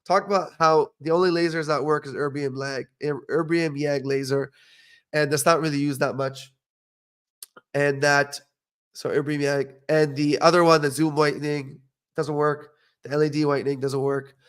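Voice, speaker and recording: A young dental professional hosts a casual podcast in a slightly high, clear, resonant voice, steady in tone and at normal speed. He offers blunt, opinionated guidance with regular "okay?" check-ins.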